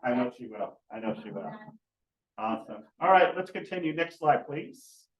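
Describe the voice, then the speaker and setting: Emceeing a casual team meeting, a man keeps things upbeat and jokey. His pitch is fairly high, his intonation lively, and his pace moderate. The sound is roomy, distant, and dull.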